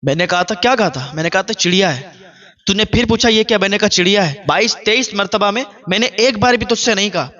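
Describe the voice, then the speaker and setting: A man voicing a gentle, hurt elderly father who reproaches his son softly. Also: sits high, expressive, lo-fi sound.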